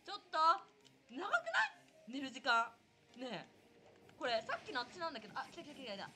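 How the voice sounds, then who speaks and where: A young woman chatting casually through a live game stream, excitable and talkative, yelping and shouting at what happens on screen. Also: sits high, fast talker, over music. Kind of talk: casual live gameplay commentary.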